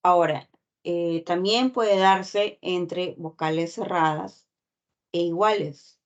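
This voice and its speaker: A woman's voice: fairly low pitch, slow pace. A woman teacher giving a class lecture, explaining step by step and checking in with constant tag questions. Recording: dull lo-fi recording.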